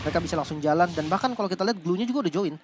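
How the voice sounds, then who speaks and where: A man commentating as an esports caster, animated and informal, breaking down the play. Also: high voice, racing. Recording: music behind the voice.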